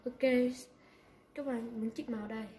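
A woman giving an unhurried step-by-step software tutorial, often pointing things out with short "here, there" remarks. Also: fairly high pitch, fairly even intonation. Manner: unhurried step-by-step instructions with frequent "đây, đấy". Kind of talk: screen-recorded software tutorial. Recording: echoey room, faint background noise.

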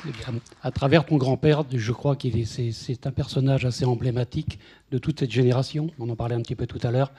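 A man's voice: mid-range voice, fairly even intonation, brisk, warm tone, some chatter behind, slight background noise. A man in his fifties moderating a public talk in a lecture room, holding a handheld mic and explaining at length with a few stutter-starts.

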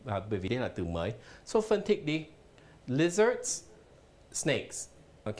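Lively-voiced male teacher spelling words. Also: medium pitch. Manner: explains patiently, spells words letter by letter. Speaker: English teacher. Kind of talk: live televised language lesson. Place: television studio.

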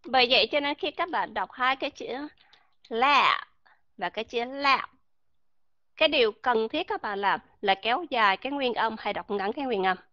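Woman, pronunciation teacher, lecturing to a class, fairly high voice, dull dry lo-fi recording. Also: animated, fast talker, few pauses, fairly bright tone, no echo. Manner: calls herself by name, quizzes the class.

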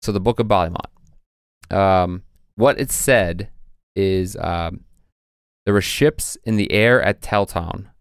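A man's voice: sits low, slow pace, clear, resonant tone, no room sound, studio quality. A man co-hosting a casual podcast, reading passages from old texts with frequent fillers. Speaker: podcast co-host presenting research.

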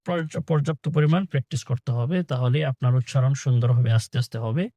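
A man teaching Quran pronunciation, chanting phrases slowly and then explaining in a quick, lower voice. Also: dark tone. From Bangladesh. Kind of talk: slow drawn-out recitation drills with quick spoken instructions.

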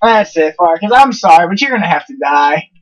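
Young man cursing loudly, swooping pitch. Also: expressive, brisk, lo-fi sound. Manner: profane, yells in frustration at a companion. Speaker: gamer playing. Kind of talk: casual gameplay commentary.

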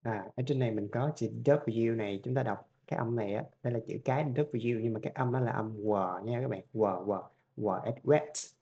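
A male teacher with a Vietnamese accent, giving a phonics lesson, repeating each sound and word slowly and patiently. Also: medium pitch, warm tone, muffled recording. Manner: drills each sound several times, then explains it patiently. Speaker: English teacher.

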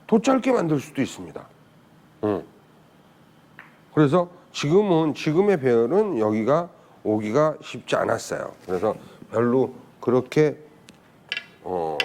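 A man's voice: medium pitch, a little mellow, a little hiss or hum. A man teaching billiards in a casual spoken lesson, chatting and often putting rhetorical questions to viewers. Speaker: billiards instructor.

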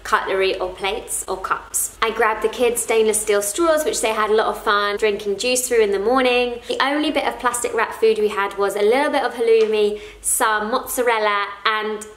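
A woman's voice: on the high side, steady tone, moderate pace, few pauses, fairly bright tone, echoey room. A woman in her thirties talking casually to the camera at home, sharing practical tips in a chatty, friendly way. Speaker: parenting vlogger. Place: living room at home, indoors. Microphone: camera in front at close range.

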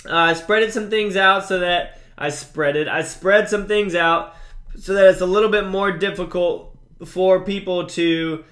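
Playing a mobile game, a young gaming YouTuber speaks a bit slowly in a high, somewhat bright voice with fairly even intonation. He chats upbeat and casually throughout, frequently using fillers and starting over.

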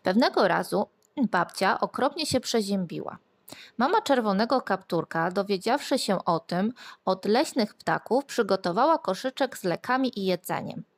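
A woman reading a fairy tale aloud to children, expressive and lilting, sometimes asking the listeners questions. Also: medium pitch, moderate pace. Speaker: storyteller.

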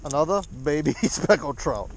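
A man's voice: fairly high pitch, lively intonation, normal speed, poor audio. A man, a father, chatting casually and encouragingly with his young son while fishing, recorded outdoors on an action camera. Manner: upbeat, encouraging, coaching a child. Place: open marsh shoreline outdoors. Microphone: chest or head-mounted action camera. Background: faint wind and boat noise.

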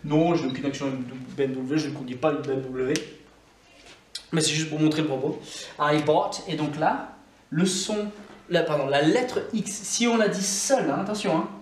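A man, teaching English grammar to learners in a relaxed way. He repeats the example words slowly and thinks aloud with fillers. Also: a little high, roomy sound, slight background noise.

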